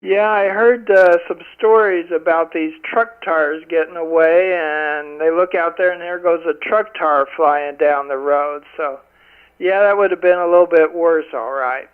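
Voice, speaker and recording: A man's voice: a little high, fairly even intonation, unhurried, clear, resonant tone, phone-quality sound. An American man chatting casually as a participant on an amateur radio net, heard through a two-way radio. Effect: heard over amateur two-meter radio. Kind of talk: casual ham radio chat. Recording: band-limited two-way radio.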